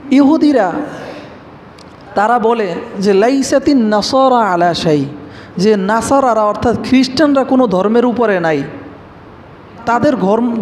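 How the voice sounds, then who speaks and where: A man's voice: very high voice, a little mellow. A man preaching an Islamic lecture, reciting Arabic verses and then explaining each one. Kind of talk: religious lecture. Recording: faint noise, long hall reverb.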